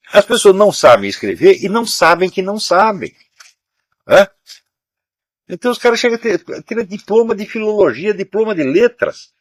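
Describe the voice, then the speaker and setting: A husky older man from Brazil holds forth as host, his pitch sitting a little high and jumping around with lively swings. He talks emphatically, swears freely and keeps checking in with his listeners. The sound is dry and close. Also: no room sound. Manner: emphatic, swears often, trails off with "né?". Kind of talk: casual spoken commentary.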